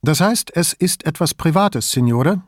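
A man's voice: fairly high pitch, expressive, a little slow, dry recording, clean studio sound, voice pushed up. A man voicing a young, eager and deferential male police officer who speaks politely and modestly. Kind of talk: audiobook character voice.

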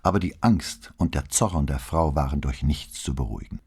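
A man narrating an audiobook in a measured, expressive storytelling manner. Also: a bass voice, husky. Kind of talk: scripted narration.

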